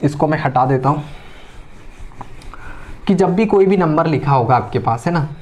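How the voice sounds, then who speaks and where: A man's voice: a little high, animated, normal speed, darkish tone. Patient man teaching maths. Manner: repetitive tag questions, patient step-by-step explaining. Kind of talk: classroom lecture.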